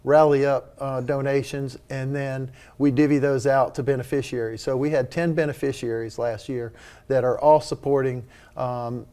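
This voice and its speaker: Guy getting interviewed, casual and earnest, regular mid male pitch. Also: dark tone, clean tone. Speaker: interview guest, charity leader.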